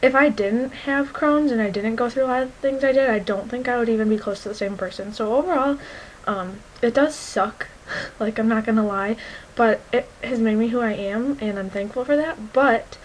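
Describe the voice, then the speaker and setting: A woman's voice: fairly high pitch, normal speed, slight background noise, low-quality recording. A twenty-one-year-old woman talking candidly to her viewers in a personal vlog, reflective and earnest, with many fillers. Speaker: vlogger.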